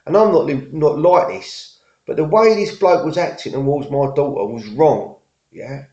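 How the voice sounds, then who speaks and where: A man's voice: on the high side, animated, moderate pace, a little mellow. A middle-aged man, telling a story in a rambling, casual monologue, often repeating himself and using working-class slang. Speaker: vlogger. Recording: echoey room, dull lo-fi sound.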